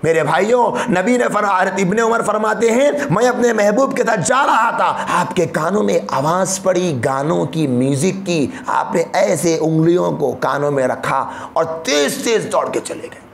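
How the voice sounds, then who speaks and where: A man from India with a Hyderabadi Urdu accent, preaching an impassioned sermon as a mufti that swings from emphatic peaks to low, quiet stretches. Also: moderate pace, gravelly, echoey room, slight background noise.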